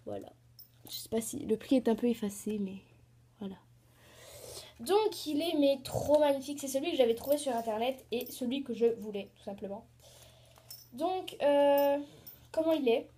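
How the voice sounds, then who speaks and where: A teenage girl chatting excitedly in a casual show-and-tell vlog, rambling with lots of hesitations and fillers. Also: sits high, normal speed, pauses often, husky. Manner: excited, gushing. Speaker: horse-riding vlogger.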